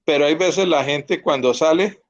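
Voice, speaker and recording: A man's voice: on the high side, normal speed, dull audio. Earnest teacher, man. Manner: earnest, asks students to confirm. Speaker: Bible teacher. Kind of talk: Bible class teaching.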